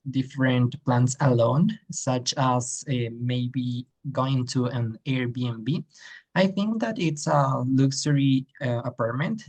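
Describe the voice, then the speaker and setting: A man from Ecuador, taking the role of an exam candidate, answers practice exam questions hesitantly, full of ums and uhs and slowing down as he searches for words. His voice is medium-pitched and darkish, and the recording quality is low.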